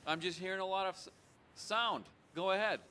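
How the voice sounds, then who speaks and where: A man's voice: high-pitched, fairly quick, bright, forceful tone, a little hiss or hum. Bemused male call-in host. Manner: dry, bemused and teasing. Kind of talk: casual call-in show hosting.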